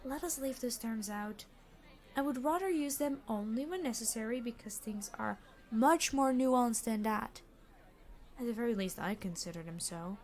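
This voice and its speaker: This woman acts out a scripted ASMR roleplay as a tired, immortal supervillain boss, exasperated yet gentle toward hostages, using formal speech and dry sarcasm. Her voice is fairly high, at normal speed, and close to an everyday voice.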